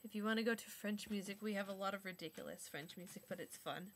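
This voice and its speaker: A young woman from Montreal talks to the camera in a loose, chatty vlog style. She fills her sentences with "um" and "like" and slips in dry, sarcastic asides. Her voice sits at a middling pitch. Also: fast talker, a bit bright, a little hiss or hum. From Montreal, Quebec. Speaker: vlogger. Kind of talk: casual chat to camera.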